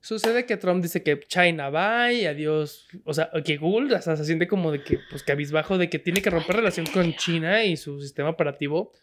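A woman's voice: low voice, moderate pace, few pauses, a little hiss or hum. A woman with a Mexican accent from the Guadalajara area, co-hosting a casual comedy chat, explaining news in a slangy, joking way. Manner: jokey, slangy, laughs often while explaining. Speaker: podcast co-host.

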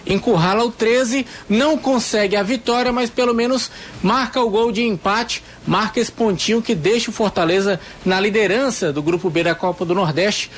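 Guy doing a live football radio report, pretty high voice, bit of background noise. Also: normal speed. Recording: clear background ambient noise.

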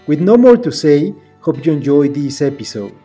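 A man hosting a podcast, giving a formal, measured introduction and then welcoming his guest. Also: on the high side, big pitch swings, warm tone, slightly rough, soft background music. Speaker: podcast host.

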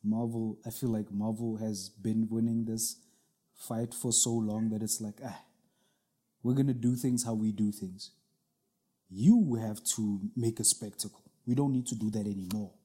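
South african guy rambling on a podcast, husky mellow low voice. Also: steady tone, measured pace. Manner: rambling, restarts with filler words. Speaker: podcast co-host. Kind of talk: casual podcast chat.

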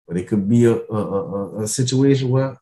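A male comedian talking as a guest in a loose, slangy conversation. He repeats phrases as he works toward his point and peppers it with bro and you know, in an average-pitched voice. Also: brisk, dark tone, roomy sound. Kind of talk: casual slangy chat.

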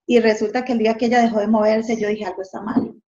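A woman's voice: a little high, flat delivery, fast, mellow. A middle-aged woman telling her story earnestly, often ending phrases with a tag question. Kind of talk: personal testimony. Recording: dull lo-fi sound.

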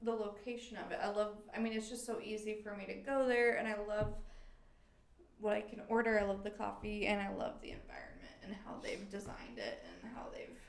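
A woman's voice: mid-range voice, flat delivery, fairly quick, vocal fry, echoey room. A woman hosting a casual chat, talking easily and filling in with frequent agreeing sounds. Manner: chatty, many warm backchannels. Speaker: podcast host.

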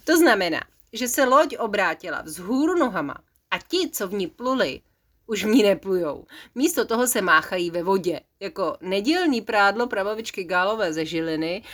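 A mother reading a bedtime story to her child, playful and lively. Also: medium pitch.

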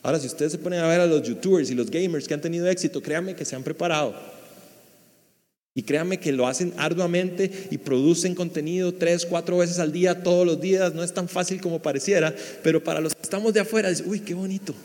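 A male pastor preaching a sermon, lively and conversational, putting questions to the audience. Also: fairly high pitch, fast talker, in a large hall.

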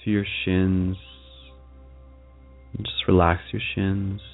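Soft deep-voiced man guiding meditation. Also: phone-quality sound. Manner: soft, calming, slow with long pauses. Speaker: meditation guide, show host. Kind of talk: guided meditation. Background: music.

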